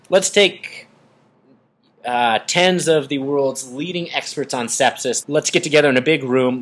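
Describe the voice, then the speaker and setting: A man's voice: medium pitch, husky. An American man co-hosting an emergency medicine podcast, explaining clinical guidelines in an enthusiastic, teacherly way. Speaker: emergency physician podcast co-host.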